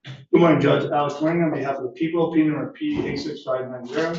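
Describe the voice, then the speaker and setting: A man's voice: fairly high pitch, steady tone, a little fast, darkish tone, slight background noise. A man working as a prosecutor, questioning a witness formally and in a businesslike way, heard on a courtroom recording. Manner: formal, businesslike, stumbles over a name. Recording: echoey, distant, dull courtroom recording.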